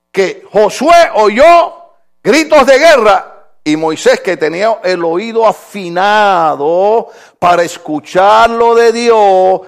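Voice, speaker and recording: High-voiced older pastor preaching. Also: male voice, creaky. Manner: preaching with rhetorical questions and stories to a congregation. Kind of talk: sermon.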